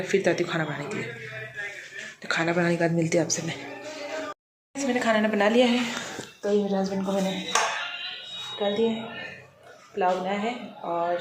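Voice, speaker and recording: Rajasthani-accented mom vlogger, casual and chatty, roomy noisy home sound. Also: female voice, on the low side. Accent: Rajasthani Hindi. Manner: chatty, talks to viewers as "guys". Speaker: vlogger mother. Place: home indoors.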